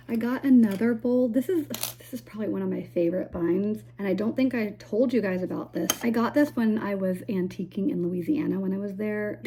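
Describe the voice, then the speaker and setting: A woman's voice: medium pitch, mellow. A woman vlogging in a casual, rambling way to her viewers, thinking aloud as she talks. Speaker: lifestyle vlogger. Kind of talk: casual vlog chat to camera. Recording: clear background noise.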